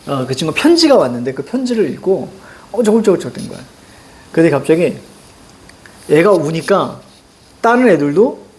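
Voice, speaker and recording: A man's voice: on the high side, a little mellow, a little hiss or hum. A middle-aged man teaching a class on classical poetry, chatting with students and acting out anecdotes with a raised voice. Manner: chatty, tells stories and acts out quotes with a raised voice.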